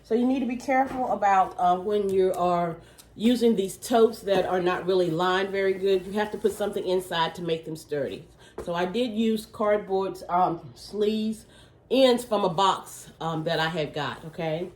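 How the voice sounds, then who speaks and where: A woman chatting casually to her viewers while showing gift totes, her voice a little worn and throaty as she clears her throat. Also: medium pitch, normal speed, darkish tone, roomy sound, slight background noise. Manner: chatty, many fillers, says "okay?" to viewers. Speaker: vlogger, small gift business owner. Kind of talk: casual product show-and-tell.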